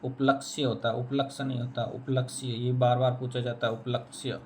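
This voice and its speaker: A man's voice: mid-range voice, flat delivery, moderate pace, darkish tone, slight background noise. A man teaching a spelling lesson, repeating each word and answering his own questions. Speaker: Hindi teacher.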